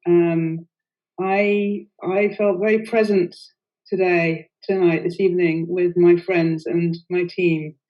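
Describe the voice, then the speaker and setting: A woman leading a poetry programme, giving a casual, halting thank-you speech with fillers. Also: on the low side. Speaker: workshop leader and host. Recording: slightly dull lo-fi audio.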